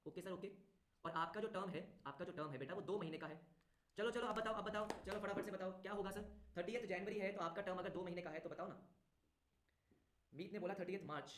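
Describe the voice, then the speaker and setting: A male tutor teaching an online class, talking briskly, repeating phrases and urging students to answer quickly. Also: sits high. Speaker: commerce exam tutor. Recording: roomy echo.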